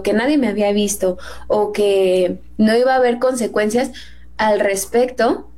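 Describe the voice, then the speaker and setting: A woman's voice: on the high side, a little mellow. A Mexican woman with a Mexican Spanish accent in a casual Bible discussion, chatty and acting out quotes in a raised voice.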